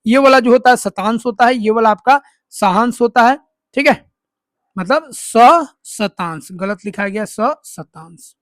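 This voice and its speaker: A teacher walks through a tutorial in slow, dictated steps. The voice sits at a middling pitch and keeps quizzing the listener, then answering its own question. The recording sounds dry and close. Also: dry recording. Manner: repetitive, quizzes listeners with call-and-response questions. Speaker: maths teacher. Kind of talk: online tutorial explanation.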